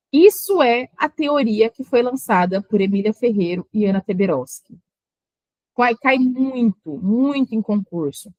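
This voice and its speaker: A woman teaches a lesson, her voice sitting fairly high. She explains patiently and breaks words into slow syllables. The sound is dry and close, with no room echo. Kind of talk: online exam-prep lecture.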